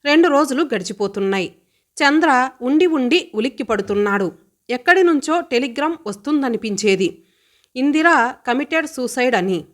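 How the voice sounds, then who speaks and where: A woman narrating a magazine story as an audiobook in a steady, expressive reading voice. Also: high-pitched, normal speed.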